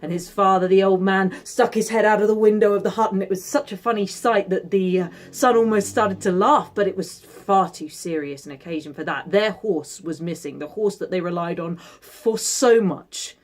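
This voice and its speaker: A woman telling a folktale expressively, with dramatic pauses and emphasis. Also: medium pitch. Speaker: storyteller. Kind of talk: expressive oral storytelling.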